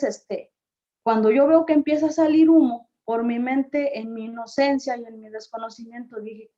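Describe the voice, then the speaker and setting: Mellow-voiced woman recalling a memory. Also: on the high side. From Mexico. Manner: unhurried, halting, with frequent filler pauses and reported dialogue. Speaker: community speaker. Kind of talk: personal storytelling at a presentation. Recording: slightly dull lo-fi recording.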